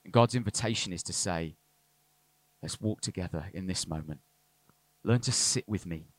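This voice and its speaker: A man with a northern English accent preaching a sermon as a church pastor, growing more animated when excited. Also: low voice, moderate pace, dry recording. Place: church service.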